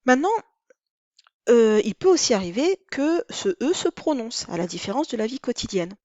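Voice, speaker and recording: A woman teaching a lesson on counting the syllables of verse, with a clear, deliberate delivery. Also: a little high, big pitch swings, a little mellow, dry recording, lo-fi sound. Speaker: French teacher. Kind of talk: recorded lesson.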